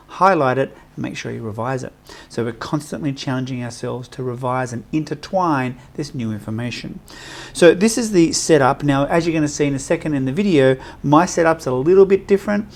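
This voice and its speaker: A male chemistry teacher talks students through a lab setup in a relaxed, conversational way. He fills pauses with "um" and "uh" and keeps asking his viewers questions. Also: mid-range voice. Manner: conversational teacher talk with fillers and rhetorical questions. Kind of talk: recorded lesson, explaining lab setup.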